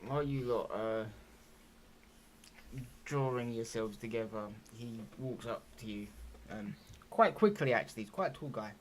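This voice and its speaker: A man's voice: medium pitch, expressive, normal speed, long pauses, slight background noise. A man narrating as game master in a casual, rambling way.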